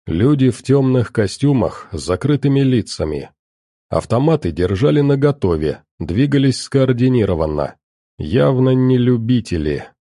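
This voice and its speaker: A man giving steady scripted audiobook narration of an action story. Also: medium pitch, no room sound, studio quality.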